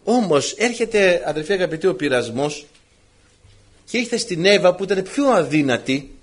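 A man delivers a sermon in a playful, animated way, acting out the characters. His husky voice sits high.

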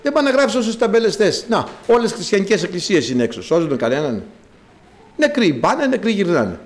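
A man's voice: high voice, very animated. A man preaching a fervent sermon, asking rhetorical questions and reciting scripture.

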